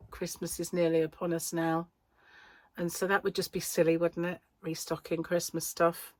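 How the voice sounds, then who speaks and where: Chatty British woman, lowish voice, slight speech impediment. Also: no room sound. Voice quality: slight speech impediment, words occasionally not forming cleanly. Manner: chatty, self-deprecating, meandering. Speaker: crochet vlogger and yarn shop owner. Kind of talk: casual rambling vlog chat.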